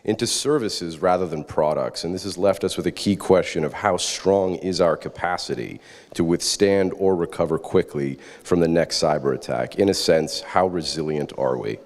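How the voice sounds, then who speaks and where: A man's voice: low voice, normal speed, a little mellow. A man giving formal, courteous podium remarks as the facilitator of a conference panel, with rhetorical turns. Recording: reverberant hall.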